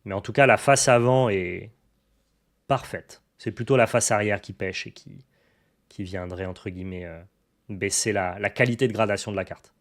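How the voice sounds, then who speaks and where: A man's voice: on the low side, normal speed. A young adult man showing off his card purchases in a casual, enthusiastic chat to the camera. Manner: enthusiastic, chatty, many fillers and restarts. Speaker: card collecting YouTuber.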